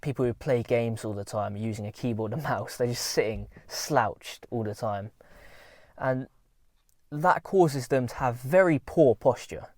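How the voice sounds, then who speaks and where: A man's voice: mid-range voice, unhurried, darkish tone, dry recording. Earnest young man giving advice. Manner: earnest, informal, motivational. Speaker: self-improvement vlogger. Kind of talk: casual advice talk to camera.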